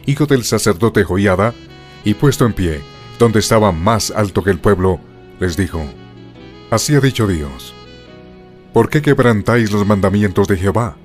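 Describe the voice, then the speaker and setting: Low-pitched man solemnly narrating scripture. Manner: measured, formal scriptural reading. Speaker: Bible narrator.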